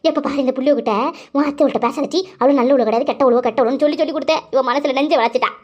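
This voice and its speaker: A woman's voice: sits high, very fast, a little mellow, close to an everyday voice. Woman voicing a whiny younger aunt. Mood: plotting. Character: younger sister aunt, petty and whining. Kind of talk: cartoon voice acting.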